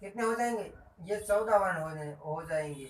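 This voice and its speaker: A man's voice: high voice, normal speed, far from the mic. A man teaches grammar in a classroom style, going over each point again and putting questions to his listeners. His voice bounces around an echoey room. He sits well back from the microphone. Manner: repetitive, quizzing listeners with questions.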